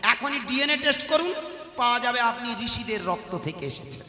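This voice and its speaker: A man's voice: very high-pitched, animated, normal speed, noisy background. A man preaching in a devotional kirtan sermon with a Bengali accent, questioning his audience rhetorically from a stage. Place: stage before a live audience. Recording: echoey hall with music behind.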